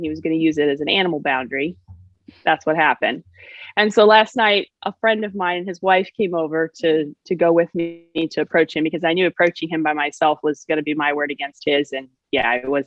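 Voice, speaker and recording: Woman podcast guest, blunt storyteller, mid pitch, muffled dry recording. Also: brisk, no echo. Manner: blunt, storytelling, acts out others' voices. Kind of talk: candid podcast conversation. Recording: dull, dry lo-fi audio.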